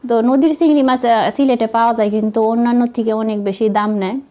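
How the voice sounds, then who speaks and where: A young woman with a Madaripur Bengali accent, chatting to viewers while she cooks, slightly hoarse from a cold and making fun of herself. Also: a little high, fast, mellow. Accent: Madaripur Bengali dialect. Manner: chatty, self-mocking, talks to viewers while cooking. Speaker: vlogger. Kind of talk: casual cooking vlog narration.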